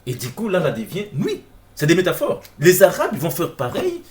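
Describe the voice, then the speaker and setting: A man with a fairly high voice and wildly swooping pitch talks at normal speed in an informal explanatory video lecture shown over on-screen text. He speaks straight to viewers with questions, often repeating words as he searches for what to say.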